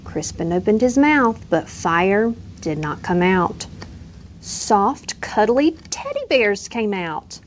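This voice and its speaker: A woman reads a children's picture book aloud at an unhurried bedtime pace. Her voice moves lively up and down as she tells it, soft and expressive. A faint background hiss sits under the reading. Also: medium pitch. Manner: expressive storytelling, gentle and unhurried. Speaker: reader.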